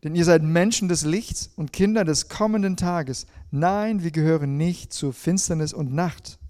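A man delivers a sermon in a mellow, warm voice pitched a bit high for a man. He reads scripture aloud and speaks straight to the listener, swinging between emphatic passages and hushed ones. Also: normal speed. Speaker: preacher.

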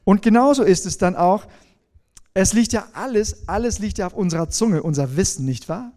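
High-voiced man preaching conversationally. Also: lively intonation, normal speed, a little mellow. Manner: conversational, asks the listeners questions. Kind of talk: sermon.

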